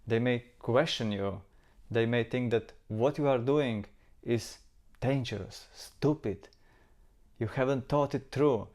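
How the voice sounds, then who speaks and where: In a casual talk to camera, a travel vlogger from Latvia speaks earnestly and reflectively with a Latvian accent. He repeats words for emphasis, and his voice is medium-pitched and a bit mellow.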